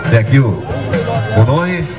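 A man's voice: medium pitch, lively intonation, a little slow, a loud crowd. A man announcing festively over a PA system at an outdoor event, with effusive, repetitive emcee patter. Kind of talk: festive stage announcing to a crowd. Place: outdoor festival stage in a town square. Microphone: handheld stage mic through PA, picked up by camera. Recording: amplified outdoor PA with music behind.

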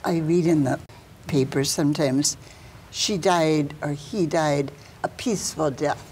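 An older woman hosts a studio interview. She has a low, mellow voice and puts her questions very slowly, pausing between phrases. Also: slight background noise. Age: older, about 70s. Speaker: talk show host, interviewer.

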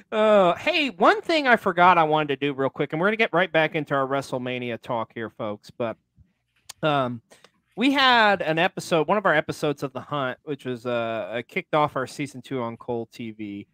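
Lively man hyping a giveaway. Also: a little high, moderate pace, no room sound, clean studio sound. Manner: upbeat, hypes giveaways to viewers. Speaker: podcast co-host. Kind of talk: casual chat.

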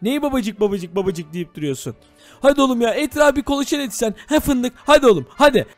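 High-voiced excitable young male game host. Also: fast talker, dry recording, faint music behind. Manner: excitable, teasing, constantly addressing viewers. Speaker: gaming channel host. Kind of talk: role-play gameplay commentary.

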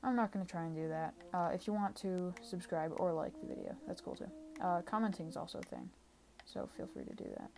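Tired-sounding gravelly woman gaming. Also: fairly low pitch, a little fast, few pauses. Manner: offhand, rambling, indifferent. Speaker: gaming channel creator. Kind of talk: casual gameplay commentary. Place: home room. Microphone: desk microphone.

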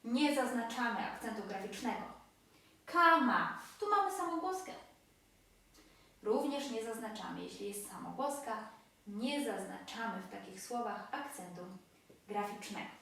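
A woman teaching a language lesson, explaining slowly and stressing each example word. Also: mid-range voice, gravelly, recorded from a distance, slight background noise. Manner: slow, deliberate explaining with emphatic example words. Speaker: Spanish teacher. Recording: very echoey room, voice from afar.

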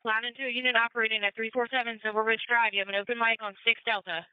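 A woman's voice: fairly high pitch, little pitch movement, rapid-fire, smooth, no echo. A woman working as an emergency dispatcher, making formal procedural announcements over a crackly, military-style radio. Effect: crackly two-way radio. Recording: dull, crackly radio scanner audio.

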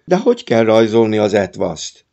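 A man's voice: fairly low pitch, very animated, gravelly, mellow, lo-fi sound. A man doing a pleading young boy. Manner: pleading, near tears. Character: earnest eight-year-old boy, eager to draw.

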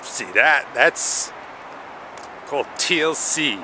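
A middle-aged man whose voice sits a little high records a casual vlog on an action camera held at arm's length as he walks a park path in the morning. He rambles in a relaxed way, thinking aloud with frequent pauses, a candy soothing his slightly sore throat. Passing cars and outdoor sounds are audible behind him.

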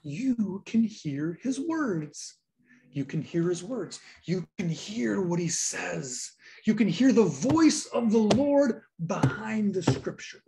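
Slow, animated woman preaching. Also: mid-range voice, gravelly, slight background noise. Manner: emphatic repetition, reading scripture aloud. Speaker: pastor. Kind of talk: sermon.

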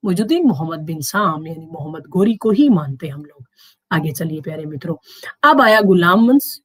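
A woman teaching an exam-prep history class, recorded close and dry with no room sound. She keeps asking her students rhetorical questions and answering them herself. Her pitch lifts on each question, and she slows right down to stress the key terms. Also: very animated, breathy edge, no room sound.

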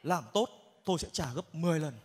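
A man playing a customer in a stage comedy sketch, calm and teasing. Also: a little high, fast. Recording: reverberant hall.

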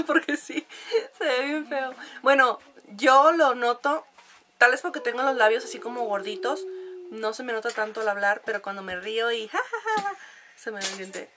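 A woman's voice: a little high, big pitch swings, unhurried, bright, forceful tone, slight background noise. A young Mexican woman with a nasal voice, chatting casually to camera at home, laughing often and using lots of fillers. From La Paz, Mexico. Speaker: vlogger.

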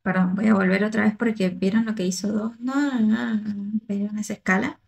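A choreographer and dance teacher from the Río de la Plata region gives excited, casual reactions, often repeating herself and starting over. Her medium-pitched voice is a bit fast and has vocal fry.

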